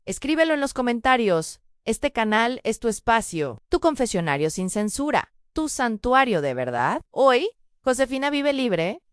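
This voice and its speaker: A woman narrates a dramatic testimony in a solemn, measured way. Her voice is smooth and resonant, at an ordinary middle pitch. The recording is dry, with no room echo. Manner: solemn, measured, addresses the listener directly. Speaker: storyteller narrating a first-person testimony.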